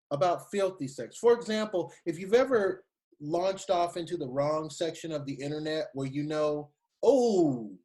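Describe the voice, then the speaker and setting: A man's voice: fairly high pitch, darkish tone. A man hosting a talk show, asking his guests questions in a teasing, theatrical way. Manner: teasing, theatrical, sing-song asides.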